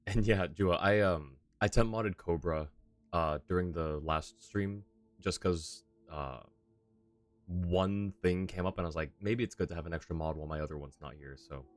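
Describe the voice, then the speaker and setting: A young man with a low voice chats casually at a normal speed while streaming a game, poking fun at himself along the way.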